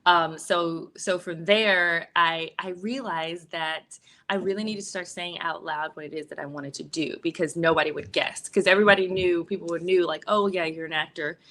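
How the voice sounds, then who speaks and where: Chatty woman with a bright voice. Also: lowish voice, normal speed, few pauses. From San Francisco Bay Area, US. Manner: relaxed, chatty, many fillers and likes. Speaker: actress and filmmaker, interview guest. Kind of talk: casual interview talk.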